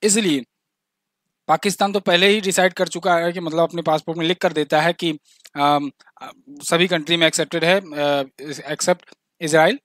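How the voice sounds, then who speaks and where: Chatty high-voiced male exam tutor. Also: fairly bright tone, dry recording, studio quality. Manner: chatty, explains with asides and little jokes; repeats key facts, says "ठीक है ना" often. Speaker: exam-prep teacher. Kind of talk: current affairs quiz lesson.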